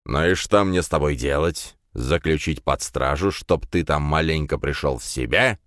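A man voicing a rude, bullying middle-aged security chief who shouts and threatens in an audiobook. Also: rumbling low, normal speed, no room sound, clean studio sound. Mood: furious. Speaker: audiobook character.

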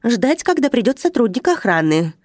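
A woman's voice: a little high, very animated, moderate pace, dry recording, studio quality, pitched above the performer's own voice. A woman voicing a stern, indignant female museum attendant who scolds in a raised voice.

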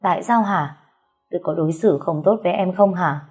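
A woman's voice: on the low side, brisk, husky, soft background music. A woman reading a novel aloud voices an older man, a grieving head of a wealthy house, who demands answers in a shaken voice. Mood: agitated. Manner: agitated shouting questions.

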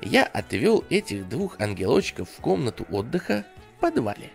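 A man reading an audiobook in a theatrical style, sometimes dropping to a hushed whisper. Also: mid-range voice, wildly swooping pitch, moderate pace, vocal fry, faint music behind. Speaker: audiobook reader. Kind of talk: audiobook narration.

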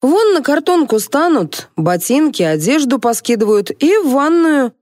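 A blunt, bossy housekeeper who shrugs off every objection, her voice leaping shrill and high, as a woman reading aloud puts her on. The sound is close and dry, with no room around it. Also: sing-song, a little slow, a little mellow, no room sound. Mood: matter-of-fact. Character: bossy outspoken female housekeeper.

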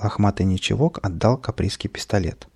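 A man narrating a children's audiobook in an expressive storytelling manner. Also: fairly low pitch, brisk, creaky, slightly rough.

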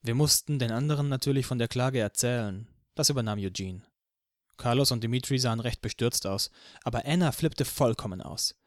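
A man narrating an audiobook in the first person, calm and steady in the narration. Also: mid-range voice, fairly quick, no room sound, studio quality.

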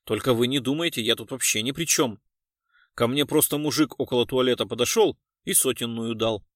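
A man's voice: medium pitch, brisk, no echo, studio quality, close to an everyday voice. A man voicing a shy, embarrassed young man who speaks hesitantly. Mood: sheepish.

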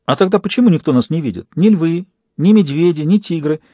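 A small dreamy girl, secretive and childlike, as a male audiobook narrator puts her on. Her voice sits a bit higher and lighter, with a mellow, dry sound close to the mic. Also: animated, a little fast, no room sound.

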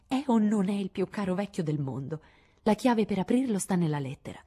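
A woman's voice: medium pitch, lively intonation, fairly quick, dark tone, husky. A woman reading an audiobook, voicing an eager, outspoken teenage girl. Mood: excited. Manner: eager, gushing.

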